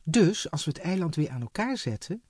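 A storybook reader voicing Jasmin, a thoughtful young girl who speaks calmly with a sigh. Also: mid-range voice, brisk, breathy edge, dry recording, studio quality. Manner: calm, sighing. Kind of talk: storybook character voice.

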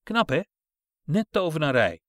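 A man's voice: mid-range voice, big pitch swings, brisk, dry recording, studio quality, natural voice. A man reading a story aloud and voicing a cruel, mocking woman who abandons a small child. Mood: menacing. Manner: mocking, menacing, raised.

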